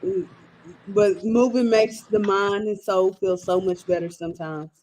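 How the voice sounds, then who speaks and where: A woman's voice: mid-range voice, measured pace, a little mellow, slight background noise, rough recording. Ranting woman in her thirties. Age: 30s. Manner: chatty, ranting with emphatic repetition. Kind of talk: casual sports-show chat.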